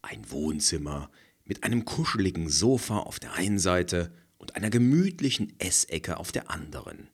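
A man narrating a scripted story scene in a calm, measured way. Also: sits low, gravelly, husky.

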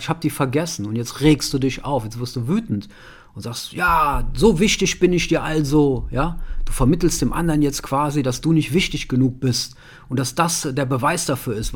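A man giving a conversational self-help talk straight to the listener, asking rhetorical questions and tagging his sentences with a questioning "ja?". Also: medium pitch.

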